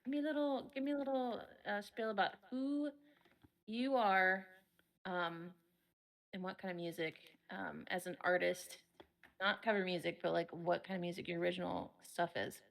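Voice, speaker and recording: A woman's voice: on the low side, steady tone, moderate pace, vocal fry. Bubbly woman hosting an interview. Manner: bubbly, gushing, many fillers. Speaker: interview host. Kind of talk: casual interview chat.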